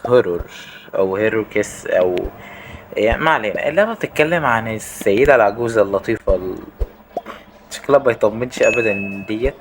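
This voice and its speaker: A man's voice: fairly low pitch, fairly quick, noisy background. Joking Egyptian man playing a horror game. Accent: Egyptian Arabic. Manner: jokey, chatty, talks to viewers. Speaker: gaming YouTuber. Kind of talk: casual let's-play commentary.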